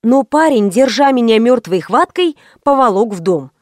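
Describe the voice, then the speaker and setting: Woman narrating an audiobook, high voice. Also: animated, moderate pace, dry recording, clean studio sound.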